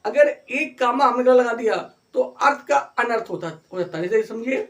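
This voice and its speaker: Male teacher, really high voice, cheering students on, slows way down on examples. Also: a bit bright. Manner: exhorting, draws out example phrases slowly. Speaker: English teacher. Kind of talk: encouraging grammar lesson.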